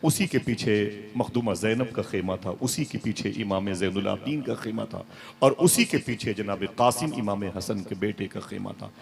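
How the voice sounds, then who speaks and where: Impassioned low-voiced male preacher. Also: normal speed, gravelly. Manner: addresses the audience directly, swells into declamation. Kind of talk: impassioned sermon. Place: gathering with a seated audience.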